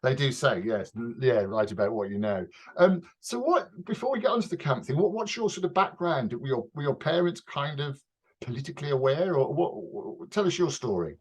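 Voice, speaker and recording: A man's voice: medium pitch, very animated, brisk, husky. A man hosting a radio interview, chatty and jokey, with theatrical asides. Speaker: radio host.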